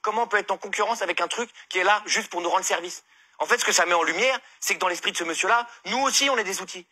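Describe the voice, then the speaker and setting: A man's voice: high voice, fast, bright, forceful tone, breathy edge. A man with a French accent delivering a comic monologue as a humor columnist, ranting with exasperated mock outrage. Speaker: comedian giving a humor column.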